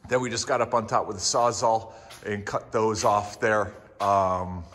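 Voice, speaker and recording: A man's voice: fairly low pitch, steady tone, measured pace, fairly bright tone. A middle-aged man narrating a casual walkthrough of his barn project, rambling with lots of fillers, filmed on a handheld phone inside a large metal barn. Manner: rambling, many fillers, folksy. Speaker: DIY barn builder. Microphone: handheld phone camera.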